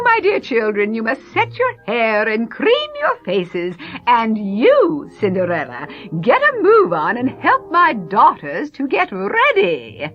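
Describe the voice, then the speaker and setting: A woman's voice: sits high, dull audio, heavily acted. Woman playing a scornful bossy stepmother. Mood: fussy. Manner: slow, drawn-out, mocking, grandly theatrical.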